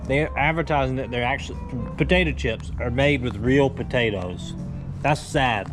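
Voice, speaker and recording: A man with an ordinary middle-pitched voice trades casual banter. His humor is dry and deadpan. Music runs in the background. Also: normal speed. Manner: dry joking.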